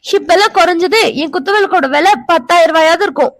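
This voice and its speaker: A woman's voice: very high-pitched, fast. A woman voicing a feisty young woman who accuses and argues, and whose voice can turn tearful. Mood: accusing.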